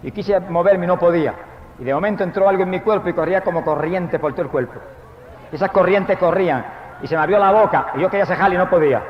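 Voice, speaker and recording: A man with a high voice preaches his testimony fervently, now and then bursting into loud praise. He is heard in a church hall with a long, echoing reverb. The recording sounds dull and lo-fi, with faint noise behind it. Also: quick pace. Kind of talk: testimony sermon.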